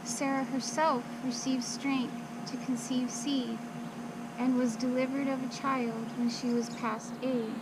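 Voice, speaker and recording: A woman reciting Bible verses by rote from memory, in short measured phrases with pauses, on a recording with loud background noise. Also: high voice, little pitch movement. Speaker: scripture reciter.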